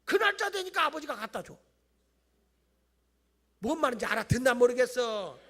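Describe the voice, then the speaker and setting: A middle-aged male pastor giving an animated Friday night sermon in a church, acting out whiny voices and shouting. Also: extremely high pitch, normal speed. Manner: animated, acts out voices of people he tells about, mock-whines and shouts. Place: church sanctuary.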